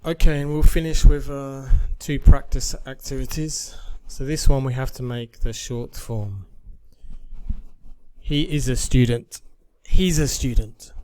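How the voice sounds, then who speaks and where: A man working through a beginner English lesson, reading each drill sentence slowly and deliberately. His pitch sits in an ordinary middle range. He paces himself for learners. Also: fairly even intonation, warm tone. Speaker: English teacher. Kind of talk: slow, careful lesson reading.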